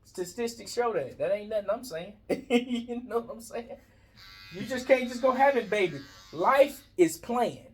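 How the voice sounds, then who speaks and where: A man's voice: sits high, lively intonation, measured pace, a little hiss or hum. An American man in a heated, casual barbershop debate, preaching his point argumentatively and repeating phrases for emphasis.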